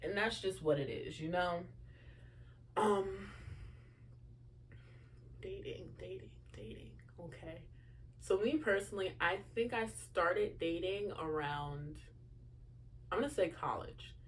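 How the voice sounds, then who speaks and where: Young female host, early twenties, low voice, rambling casual asides, faint room hum. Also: slow pace, long pauses. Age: young adult. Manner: chatty, lots of fillers and asides to listeners. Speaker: podcast host. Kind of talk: casual solo chat.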